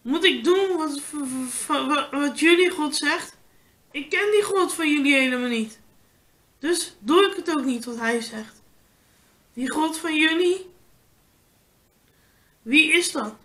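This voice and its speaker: A woman's voice: high voice, slow pace, pauses often, fairly bright tone. A woman voicing an angry, proud pharaoh in a children's Bible story, speaking haughtily and scornfully.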